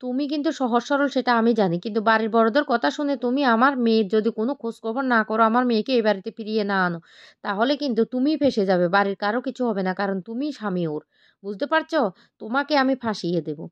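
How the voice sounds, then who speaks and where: Woman putting on a shrill scolding mother-in-law. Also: quick pace, no room sound, highs cut off, natural voice. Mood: threatening. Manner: shrill, accusing, raised voice. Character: angry scolding middle-aged mother-in-law. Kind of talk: retelling a TV serial, voicing every role.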